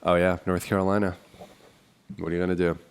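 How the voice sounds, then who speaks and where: A man hosts a casual solo podcast with phone calls from a small office, chatty and self-deprecating, laughing often in a nasal, stuffy voice. He speaks low and fast with a level tone, and the recording is very noisy.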